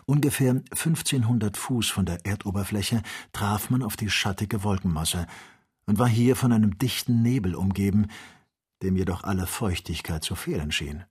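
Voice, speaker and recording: A man reading a classic adventure novel aloud in an even, measured storytelling manner. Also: fairly low pitch, breathy edge. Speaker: audiobook reader. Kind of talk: scripted audiobook narration.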